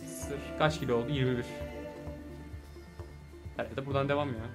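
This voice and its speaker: Brief: male gaming YouTuber, casual and chatty, mid-range voice, soft music behind. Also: medium pitch, normal speed. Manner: chatty, talks to the game, bursts of excited exclamations. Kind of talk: let's play commentary. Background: soft game music.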